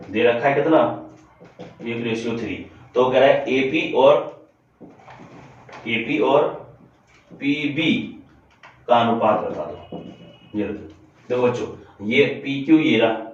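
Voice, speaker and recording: Man teaching math in an echoey room. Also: medium pitch. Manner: repetitive, addresses students often, walks through steps aloud. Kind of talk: classroom-style lesson solving board problems. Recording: echoey room from a distance, dull lo-fi sound.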